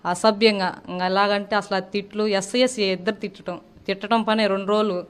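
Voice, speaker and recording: Woman being interviewed, aggrieved, flat delivery, slight noise. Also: mid-range voice. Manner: earnest, aggrieved, fast. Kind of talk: interview complaint.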